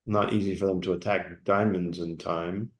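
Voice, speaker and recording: A man with a fairly low voice talks through bridge hands analytically, pausing with small fillers. His voice carries a noticeable room echo. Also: fairly even intonation. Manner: analytical, slightly halting. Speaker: bridge commentator. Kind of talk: live bridge commentary.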